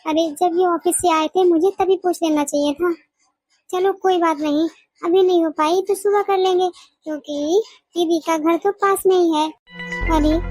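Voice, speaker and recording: High squeaky woman voice doing a cartoon daughter-in-law, earnest, dry close sound. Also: a little mellow, dry recording. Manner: pleading, earnest. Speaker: cartoon voice artist. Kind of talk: cartoon voice acting as a young wife.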